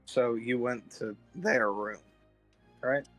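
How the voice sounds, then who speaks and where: A man with a husky voice of middling pitch plays a tabletop game. He puts questions in a casual, conversational way. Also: takes it slowly, a bit bright, dry recording, soft background music.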